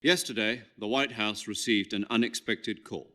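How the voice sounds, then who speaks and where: An actor playing a composed, authoritative special-forces commander in dramatic game dialogue, speaking in a measured, knowing way. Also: male voice, on the low side, bright, forceful tone. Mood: measured, confiding. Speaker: military commander.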